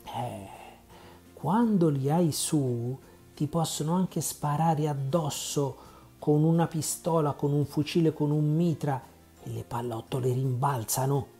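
A man's voice: fairly high pitch, unhurried, soft background music. A man voicing a sly, plump woman knitter in a storybook reading, coaxing and confiding. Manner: coaxing, confiding, hushed at times.

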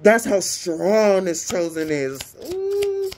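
A woman's voice: sits low, expressive, measured pace, darkish tone, a little hiss or hum. A woman doing a casual tarot reading, talking to her viewers in a slangy, exclamatory way. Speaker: tarot reader.

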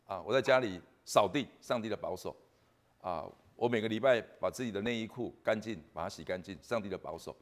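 A soft-spoken man with a Taiwanese Mandarin accent preaching a Christmas sermon at a church service, halting and repeating words with frequent "ah" fillers. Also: on the low side.

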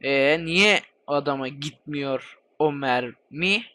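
A man giving excitable, swear-filled commentary while playing a game, hosting his own gaming channel. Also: a little high, takes it slowly. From Turkey. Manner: excitable, swears constantly, chatty. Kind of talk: let's play commentary.

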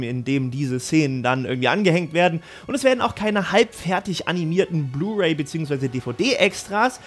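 A YouTube host with a slightly high voice delivers energetic scripted commentary, speaking to viewers directly and with enthusiasm.

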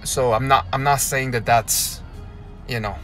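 A man's voice: mid-range voice, steady tone, a little slow, fairly bright tone, soft background music. A man in his thirties, from South Korea, talking casually in a live stream from a parked car, holding his phone at arm's length. He rambles, restarting sentences and repeating words. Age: 30s. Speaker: blogger.

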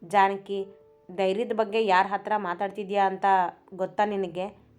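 A woman's voice: medium pitch, little pitch movement, faint music behind, natural voice. A woman voicing a teasing young husband. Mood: tender teasing. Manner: teasing, mock-stern, quick delivery. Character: young husband, playful, feigning sternness.

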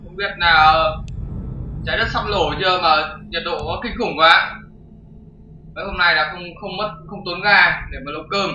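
A man's voice: sits high, steady tone, normal speed, pushed and bright, slight background noise. A man hosting his channel and commentating a game replay in a chatty, jokey way with crude slang. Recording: roomy, dull lo-fi with faint music.

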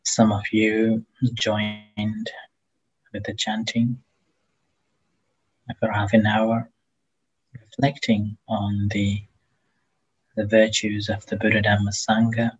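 A man leading a guided meditation as a teacher, speaking gently and haltingly with long pauses between phrases, in a husky, breathy voice. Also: lowish voice, monotone, highs cut off.

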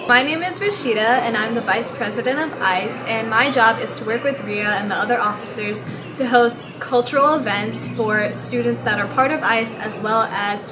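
Earnest teen girl, slightly high, noisy background. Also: normal speed. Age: teens. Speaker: student club vice president. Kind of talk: interview to camera. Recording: ambient background noise.

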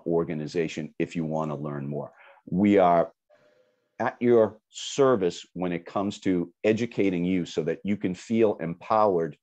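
Low voiced guy doing a product webinar, chatty, lots of ums. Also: warm tone. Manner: conversational, explanatory with fillers. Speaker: product presenter. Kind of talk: webinar presentation.

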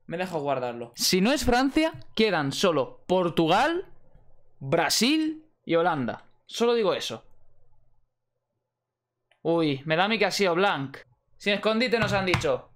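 A young man with a Spanish accent from Spain, giving casual, slangy commentary while opening game packs, swearing freely and talking straight to his viewers. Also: high-pitched. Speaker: gaming video host.

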